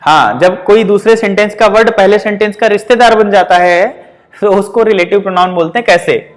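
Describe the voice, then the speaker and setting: A man with a fairly high voice and a Hindi accent gives an exam-prep grammar lesson in an indoor teaching room. He explains patiently, checks often that students follow, and slows right down for example sentences.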